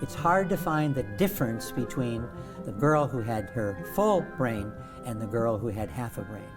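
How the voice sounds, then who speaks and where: A man as an interview guest, explaining at length in a measured, lecturing way and stressing key words. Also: mid-range voice, animated, over music. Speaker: guest author.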